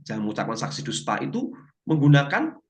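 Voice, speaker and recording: A man's voice: medium pitch, fairly quick. A man teaching a Bible language class, telling stories with jokes and asking the class questions. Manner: lively storytelling, asks class questions.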